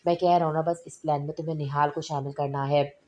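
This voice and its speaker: A woman's voice: low voice, level tone, fast talker, mellow, lightly acted. A woman reading aloud voicing a confident, scheming uncle in a novel. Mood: assured.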